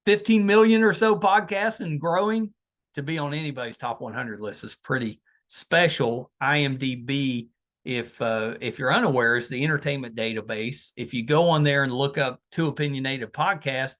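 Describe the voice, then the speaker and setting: A man with a West Virginia Appalachian accent speaks as a podcast host, at a middling pitch. He is informal and folksy, talking to guests and listeners in a loose conversational style. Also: normal speed, fairly bright tone. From West Virginia, USA. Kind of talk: casual, conversational podcast hosting.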